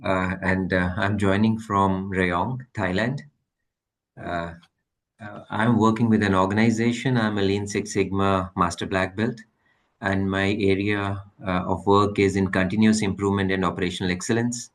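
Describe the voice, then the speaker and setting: Man, very deep voice, flat delivery, video call, formal and polite. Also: normal speed. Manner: formal and courteous. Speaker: continuous improvement professional.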